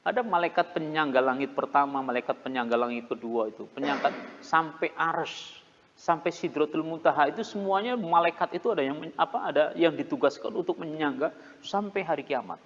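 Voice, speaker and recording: Man, middle-aged, animated sermon storyteller; muffled lo-fi mosque recording. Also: on the high side, a little fast. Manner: animated storytelling with laughs, mimics shouting. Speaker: preacher. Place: mosque hall. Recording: muffled reverberant hall recording.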